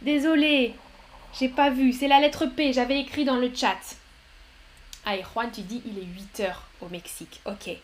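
A woman's voice: fairly high pitch, fairly even intonation, measured pace, a little hiss or hum. A woman hosting a live word game as a teacher, reading out chat answers and cheering viewers on. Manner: upbeat, encouraging, reads chat names aloud.

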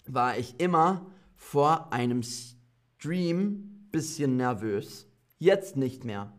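A man teaching a German lesson on a live stream, repeating example sentences slowly and carefully and answering viewer comments. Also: mid-range voice. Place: streaming setup, indoors.

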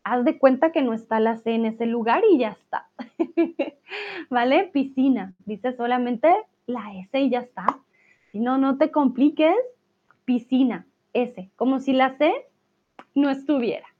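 A woman teaching Spanish in a live class, answering viewer chat and laughing often. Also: high-pitched. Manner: laughs often, speaks slowly and clearly. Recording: tinny phone-like sound.

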